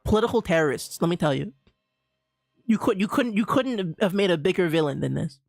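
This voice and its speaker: A young man from Bermuda streaming, ranting in an animated, casual way with lots of laughter. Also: sits high, brisk, gravelly, no echo, faint music behind. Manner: animated ranting, laughs often, says "dude" a lot. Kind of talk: casual livestream chat.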